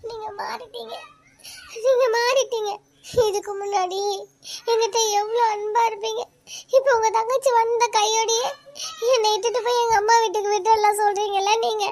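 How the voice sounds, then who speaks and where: A woman voicing a nagging wife and mother of two daughters in a cartoon family drama, complaining loudly to her husband. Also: extremely high pitch, fairly even intonation, fairly quick. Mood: tearful. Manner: nagging, complaining, turns tearful.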